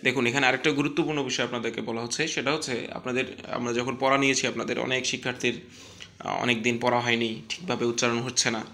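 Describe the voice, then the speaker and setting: Bright-voiced man teaching recitation drills. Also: fairly even intonation, fast. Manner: patient, repeats each syllable for students to echo; chants drill syllables louder and higher than his explanations. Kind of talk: online recitation lesson.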